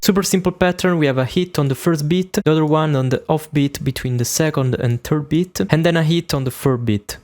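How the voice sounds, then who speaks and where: In this music production tutorial, a young man from Italy explains beat-making in a relaxed way, poking fun at himself as he goes. His accented voice sits on the high side and is slightly mellow, and he talks fairly quickly with few pauses.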